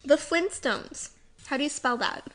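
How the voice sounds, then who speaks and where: A woman co-hosting a casual chat, talking in a chatty way, laughing often and dropping into low asides. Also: unhurried, a bit bright. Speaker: co-host.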